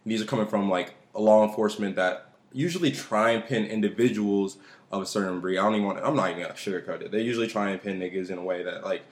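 A man's voice: lowish voice, fast talker, reverberant. A man co-hosting a casual podcast, talking in emphatic slang and repeating his phrases. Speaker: podcast co-host.

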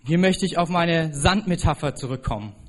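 A man's voice: fairly high pitch, moderate pace. Man preaching a sermon, raised voice. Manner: personal storytelling that rises to loud, emphatic peaks. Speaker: pastor.

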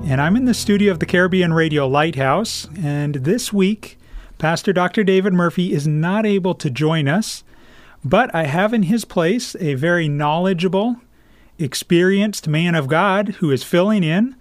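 A man's voice: high voice, moderate pace, no room sound. A man hosting a radio call-in program from a studio, speaking in a formal, announcer-like way. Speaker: radio host.

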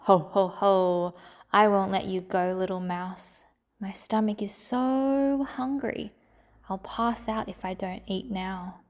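A woman voicing a hungry, boastful big male lion in a storybook, speaking loudly and bossily. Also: medium pitch, slow. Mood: gloating. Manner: loud, gloating, bossy.

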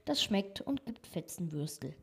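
A woman voicing a naive, cheerful young man in a storybook reading, with a husky voice and a simple-hearted, easily pleased manner. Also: mid-range voice, sing-song, unhurried, exaggerated voice. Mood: content.

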